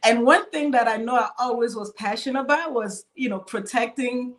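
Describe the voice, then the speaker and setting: A young Cameroonian woman with a slightly high voice, speaking at a normal speed, appears as a cybersecurity panelist on a video call. She tells her story hesitantly, full of fillers and restarts.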